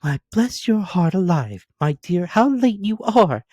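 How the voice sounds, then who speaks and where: A man's voice: sits high, sing-song, a little slow, warm tone, no room sound, clean studio sound, pitched above the performer's own voice, heavily acted. A man voicing a bustling, motherly poor mother in a raised, fussing voice.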